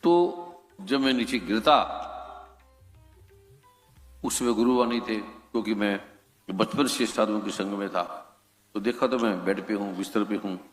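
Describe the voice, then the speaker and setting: A man's voice: lowish voice, a little slow, long pauses. A man recounting his spiritual life in a rambling, reflective way, often asking rhetorical questions. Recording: echoey hall with faint music.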